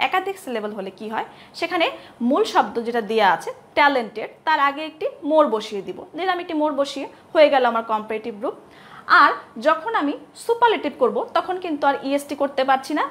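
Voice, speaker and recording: A woman lecturer teaching a grammar lesson to students. She asks questions, answers them herself and repeats example words slowly. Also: high-pitched. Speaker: English lecturer.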